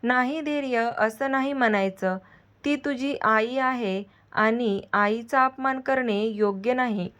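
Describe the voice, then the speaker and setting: A woman voicing a gentle, wise middle-aged aunt who soothes and gently scolds her nephew. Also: a little high, slow pace.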